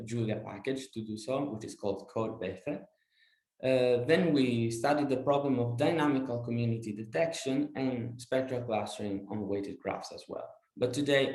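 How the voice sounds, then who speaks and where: A young man with an Italian accent presenting his PhD research over slides, explaining carefully with many "uh" pauses. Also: mid-range voice, darkish tone, reverberant. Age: young adult.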